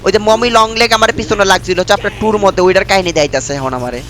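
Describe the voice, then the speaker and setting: A man's voice: sits high, fast talker, a bit bright, a little hiss or hum. A young man giving chatty let's-play commentary with a sore throat from a cold, repeating himself and calling viewers brother. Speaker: gameplay streamer.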